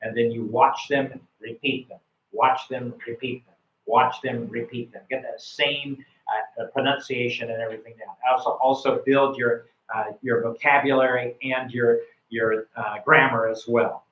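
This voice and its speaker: A man's voice: mid-range voice, flat delivery, moderate pace, echoey room, dull audio. A middle-aged American man tutoring students for a speaking test in a casual, rambling way, full of fillers and repeated words. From United States. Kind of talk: casual live coaching.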